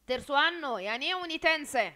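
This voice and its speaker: Egyptian woman teaching italian online, high voice, talks quick, keeps asking the class questions. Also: expressive, bright, forceful tone. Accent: Egyptian Arabic. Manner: quizzing students, repeating words. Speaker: university Italian lecturer. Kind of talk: online lecture. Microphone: video call.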